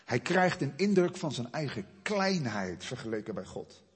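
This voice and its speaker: A man preaching a sermon, his delivery swelling loud and high at the climaxes and then dropping low. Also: very animated, normal speed, in a large hall. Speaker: pastor.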